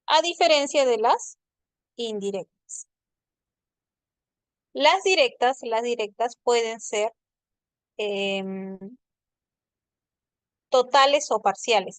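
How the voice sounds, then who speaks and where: A woman's voice: a little high, clear, resonant tone, dry recording. A woman teaching a language class online, patiently explaining and checking in with her students. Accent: Peruvian Spanish.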